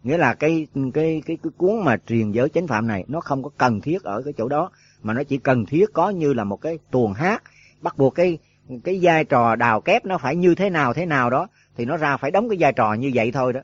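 A man's voice: mid-range voice, lively intonation, a little fast, husky. A man giving a rambling dharma talk to monks, full of filler words and rhetorical questions. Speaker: Buddhist monk teacher. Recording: dull lo-fi dry recording.

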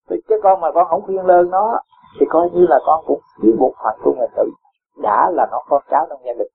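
A man gives a dharma talk in a husky, somewhat high voice. He explains patiently with everyday examples and soft chuckles. The sound is thin and lo-fi, like a phone line. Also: fairly quick. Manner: gentle, chuckling, homely examples. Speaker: Buddhist teacher. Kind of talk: dharma talk answering a follower.

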